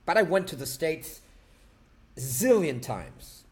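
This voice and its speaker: A man's voice: fairly high pitch, lively intonation, slow, crowd noise. A man, a guest on an interview, talking casually, laughing and repeating words for emphasis. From Argentina. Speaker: guest, actor and tango dancer.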